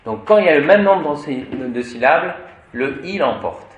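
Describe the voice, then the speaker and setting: A man, a priest, teaching a grammar lesson to a class, explaining word by word in a slow, deliberate way. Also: a little high, lively intonation, muffled recording. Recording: echoey room.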